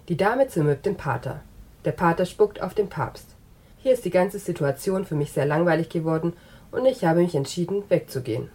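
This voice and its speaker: A woman narrating an absurdist short story in an even, matter-of-fact reading. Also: low-pitched, husky.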